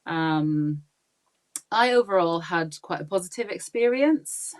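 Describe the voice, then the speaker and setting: Speaking slowly in a lowish, animated voice, this Pakistani-raised woman in her forties talks easily as a podcast guest. The casual interview chat is warm and full of laughter, with plenty of ums along the way.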